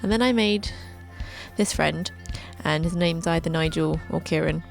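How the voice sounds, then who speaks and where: A young woman in her twenties tells her life story as scripted narration, with light joking asides along the way. Her voice sits low and carries a gravelly, creaky edge, with soft music faintly behind her. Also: normal speed. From England. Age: 20s. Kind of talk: scripted narration over a drawing video.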